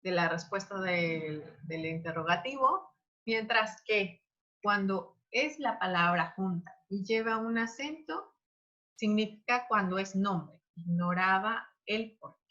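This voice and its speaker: A woman teaches an online grammar lesson, her voice sitting in a middle register. She talks her students through each rule patiently, pausing often on fillers and restarting her sentences. The recording sounds somewhat dull and lo-fi. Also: medium pitch, expressive, pushed and bright. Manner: explanatory, with frequent fillers and restarts.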